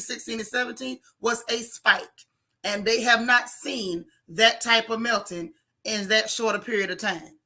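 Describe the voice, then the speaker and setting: Female livestream news host, wheezy rasp, forceful edge, casual but emphatic delivery with repeated phrases. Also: fairly high pitch. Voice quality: raspy, wheezy voice. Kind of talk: casual livestream talk, answering viewer comments.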